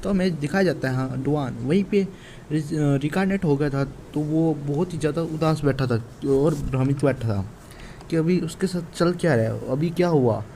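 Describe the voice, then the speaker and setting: A man's voice: on the high side, normal speed, mellow, slight background noise. A man casually retelling a manhwa chapter, with frequent restarts and fillers. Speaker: manhwa recap narrator. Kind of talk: casual story recap.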